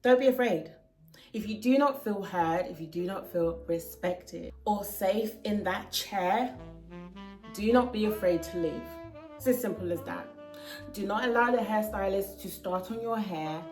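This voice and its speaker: A woman's voice: mid-range voice, a little slow, a little mellow, faint music behind. A young woman vlogging to camera, earnestly sharing heartfelt advice with casual fillers. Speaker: hair vlogger. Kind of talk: casual talking-to-camera vlog.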